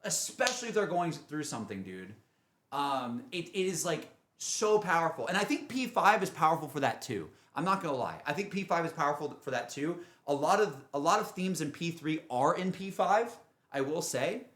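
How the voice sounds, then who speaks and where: On a livestream, a man chats casually about games and reflects on them emotionally, his voice on the high side, sing-song, and fairly bright at normal speed. This game streamer is earnest and emphatic, rambling in a way that keeps circling back on itself.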